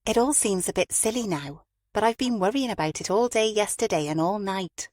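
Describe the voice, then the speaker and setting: A woman's voice: mid-range voice, animated, fairly quick, a little mellow, no room sound, voice pushed up, close to an everyday voice. A woman narrator puts on a reserved woman who sounds guarded and protests easily. The voice is only lightly lifted from the narrator's own and sits in a dry, close recording.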